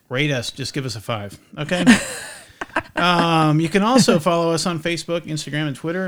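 A male podcast host with a voice sitting right in the middle of the typical male range. He talks in an easygoing, rambling way, circling back on his thoughts and restarting sentences as he goes. It is relaxed, conversational chat about everyday life. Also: mid-range voice, clean tone. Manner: rambling and chatty, with frequent restarts.

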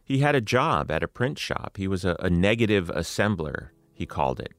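A male podcast host telling a story in measured, scripted narration. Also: sits low, big pitch swings, dry recording, studio quality.

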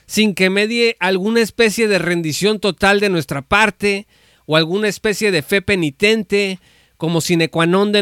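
A high-pitched man teaching the Bible in a relaxed, conversational preaching style, pausing on fillers and restarting his words. His voice is clear and smooth, recorded close and dry with no room echo. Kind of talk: informal teaching talk on an audio space.

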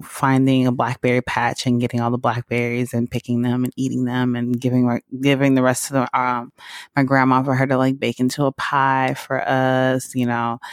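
A woman's voice: very deep voice, no echo, clean studio sound. A woman, hosting her own podcast in a candid, chatty way, laughing often and talking loosely. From Southern United States. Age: 30s. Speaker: podcast host. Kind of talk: casual podcast monologue.

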